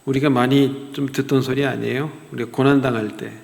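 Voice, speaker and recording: Gravelly Korean pastor in a reverberant hall. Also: male voice, medium pitch, flat delivery, brisk, a little mellow. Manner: rising to emphatic rhetorical questions, dropping to near-whispers. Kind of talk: sermon. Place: church sanctuary. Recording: long reverb of a church hall.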